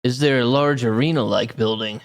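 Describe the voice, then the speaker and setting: A man's voice: mid-range voice, a little fast. A man playing a tabletop game, asking the game master questions. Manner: curious, asks many questions. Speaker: player. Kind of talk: casual tabletop play.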